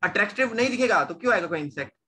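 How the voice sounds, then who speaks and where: A man's voice: high voice, animated, rapid-fire, pushed and bright. A young man teaching a science class, repeating questions to his students and mixing in English terms. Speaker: science tutor. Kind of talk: online class lecture.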